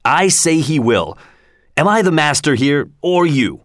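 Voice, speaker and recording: A man's voice: mid-range voice, big pitch swings, unhurried, no echo, studio quality. A man voicing an old nobleman and head of his house, who speaks in a stern, commanding way.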